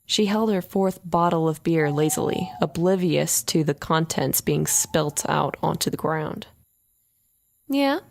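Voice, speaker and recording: A woman reading a horror story aloud in an expressive first-person narration. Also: deep voice, measured pace, gravelly, hardly any pauses, no echo.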